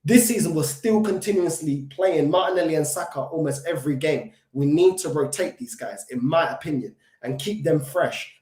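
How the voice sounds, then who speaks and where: In an echoey, reverberant room, a London-accented man with a slightly high, darkish voice hosts a football fan channel and rants solo about his team. Still getting over an illness, he sounds below full strength. Frustrated and emphatic, he repeats himself, restarts often, and fills gaps with lots of ums.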